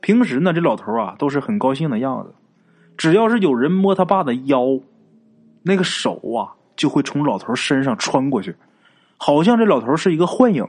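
A man's voice: a little high, big pitch swings, fairly quick, a little mellow, breathy edge. A man telling a ghost story in a casual, colloquial way, full of filler particles and asides.

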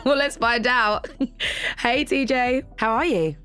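A woman's voice: on the high side, takes it slowly, fairly bright tone. A woman co-hosting a podcast interview, chatty and laughing along with her guest. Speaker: podcast co-host. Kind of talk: casual interview chat.

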